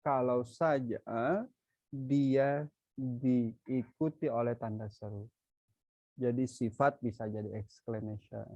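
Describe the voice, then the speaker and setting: Slow, dull-sounding male grammar teacher. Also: mid-range voice, fairly even intonation, dark tone, no echo. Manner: slow and deliberate, checks in with frequent "ya" and "oke"; poses questions to the viewer, then answers them. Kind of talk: explanatory grammar lecture.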